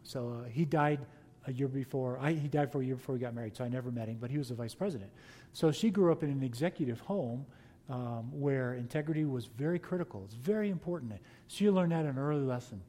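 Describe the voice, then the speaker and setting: Middle-aged pastor, male, mellow and slightly high, folksy storyteller with a chuckle in him. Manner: folksy anecdotal storytelling with laughs. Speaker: pastor and seminary teacher. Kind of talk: storytelling interview answer.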